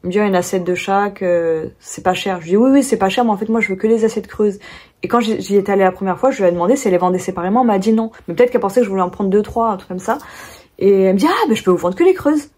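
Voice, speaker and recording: A woman's voice: medium pitch, steady tone, very fast, a little mellow. A young French woman chatting casually in a haul vlog, telling stories with many fillers and restarts. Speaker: vlogger.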